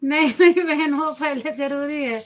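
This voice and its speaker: A woman's voice: high-pitched, moderate pace. A woman hosting a casual live stream on her phone, greeting viewers by name and repeating devotional greetings.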